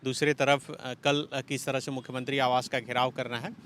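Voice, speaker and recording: Male field reporter on a city street; measured delivery, faint traffic noise underneath. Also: mid-range voice, level tone, a bit bright. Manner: measured, explanatory, with fillers. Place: outdoors in a city.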